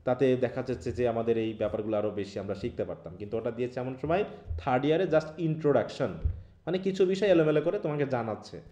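In an echoey room, a man with a Bangladeshi Bengali accent teaches English online, talking fast with lively intonation in a medium-pitched, dark voice. He explains each step and keeps drawing students in by asking them questions.

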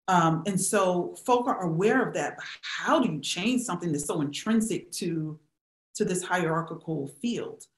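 A woman's voice: lowish voice, expressive, moderate pace. Emphatic woman professor on a video call. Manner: emphatic, gestures a lot, rhetorical questions. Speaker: historian and professor, guest speaker. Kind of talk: answering questions in a talk. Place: small indoor room at home. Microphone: webcam on a video call. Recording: roomy webcam sound.

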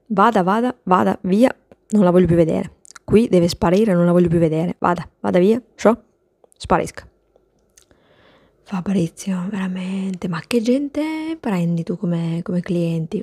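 A woman's voice: lowish voice, darkish tone, dry recording, studio quality. A woman voicing a rude, jealous female medical assistant in a comic whispered role-play, talking bossy and scornful. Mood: scandalized.

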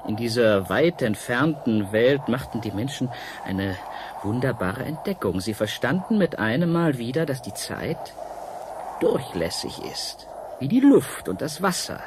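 Amid background noise, a man with a mid-range, very animated voice plays an ancient-world painter in a radio drama. The character is seductive and enigmatic, coaxing with dramatic, halting pauses, and the mood stays mysterious and solemn.

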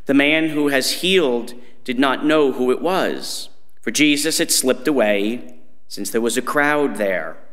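Priest in a church with cathedral echo. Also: male voice, medium pitch, measured pace, a bit bright. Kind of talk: reading scripture and preaching at Mass. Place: church sanctuary, standing at lectern. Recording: echoing church with long reverb.

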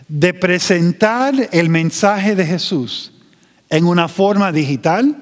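Man preaching, high voice, slow emphatic delivery, long church reverb. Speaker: pastor. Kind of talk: sermon.

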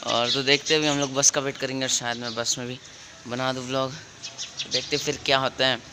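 A teenage boy with a slightly hoarse voice from a cold talks through a casual daily vlog. He keeps his pitch level and unhurried, and he picks his words slowly. He is recorded on a handheld phone, with plenty of ambient noise behind him. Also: level tone. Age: teens. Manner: talks slowly and carefully on purpose. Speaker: vlogger.

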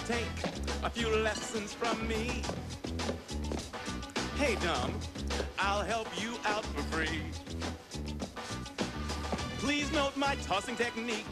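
A man playing a boastful cartoon twin who brags and sings about his throwing technique. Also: high-pitched. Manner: cocky, bragging, sings his lines. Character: boastful cartoon twin brother Tweedle, show-off. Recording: studio voice with loud music behind.

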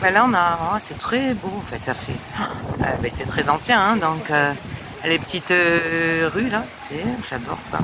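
A woman's voice: deep voice, animated, moderate pace. A middle-aged woman chatting casually through a travel vlog, hesitating often, a little out of breath from walking. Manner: chatty, with frequent hesitations and laughs. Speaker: travel vlogger. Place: outdoors in a windy hilltop town. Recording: loud wind noise on the mic.

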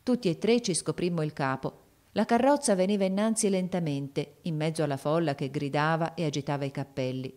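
Narrating a classic novel at a brisk clip, a low-voiced woman gives an expressive reading, getting louder whenever characters cry out.

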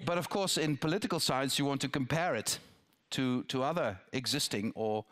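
Older man, politician on stage, headset mic, thoughtful with restarts, mid-pitched voice. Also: moderate pace, a bit bright. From Netherlands. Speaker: politician answering questions. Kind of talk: town-hall dialogue. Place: theatre stage before a large audience.

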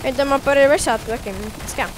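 A man giving casual, rambling commentary while playing a shooter game, excitable and swearing now and then. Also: extremely high pitch, a little hiss or hum. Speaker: gaming video creator.

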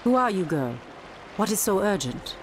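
An actress playing a proud, commanding female night elf high priestess in a game cutscene. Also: big pitch swings, normal speed, slight background noise, natural voice. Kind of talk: video game cutscene voice acting.

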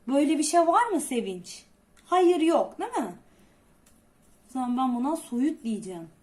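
A woman teacher with a high voice takes a class through a lesson. She keeps asking rhetorical questions and then answers them herself. She spells out each point slowly and with stress. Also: darkish tone. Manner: asks many rhetorical questions; slow, stressed explanations. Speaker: Turkish teacher.

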